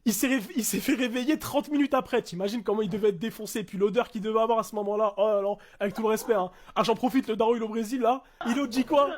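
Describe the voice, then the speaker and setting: Guy from france with a really high voice, telling a crazy story all slangy and animated. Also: quick pace, few pauses. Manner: animated, acts out shouting cops and slangy street French. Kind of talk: casual comic anecdote.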